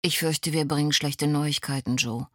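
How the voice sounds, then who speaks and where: A woman's voice: low voice, steady tone, a bit bright, dry recording, clean studio sound. Woman doing a grave, solemn young man. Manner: solemn, measured. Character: grave young man, old family friend.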